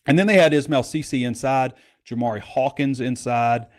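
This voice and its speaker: A man's voice: medium pitch, moderate pace. A man hosting a casual sports podcast, talking in a rambling, conversational way. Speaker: podcast host.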